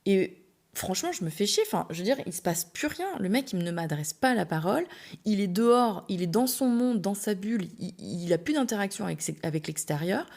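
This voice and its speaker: A young woman spins a frank personal story for her podcast, loose and slangy, stumbling through plenty of fillers. Her mid-pitched voice carries a gravelly, fry-tinged edge. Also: animated, brisk, darkish tone. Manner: chatty, candid and slangy, full of "euh" fillers. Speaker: podcast host. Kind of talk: casual storytelling.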